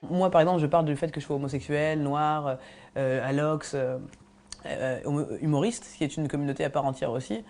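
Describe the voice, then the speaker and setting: A woman comedian talking in an interview, relaxed and hesitant, with many fillers. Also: low-pitched, fairly quick. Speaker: stand-up comedian. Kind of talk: interview talk.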